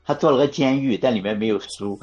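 A man's voice: mid-range voice, darkish tone. A man hosting a casual chat, often repeating his words and phrases as he goes. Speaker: host of a casual talk show. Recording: dull lo-fi audio, faint music behind.

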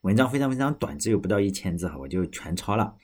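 A man's voice: deep voice, very animated, fast talker, a little mellow. A man hosting a casual audio talk show, reading a short story aloud and then rambling about his day, often correcting himself as he goes. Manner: rambling, self-correcting, plain-spoken. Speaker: podcast host.

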